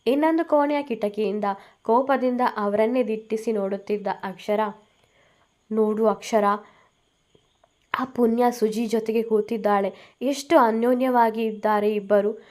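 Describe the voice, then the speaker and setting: A woman's voice: fairly high pitch, fairly even intonation, normal speed, long pauses, darkish tone. A woman reading an audio love story aloud as narrator, giving each character's lines small shifts in tone.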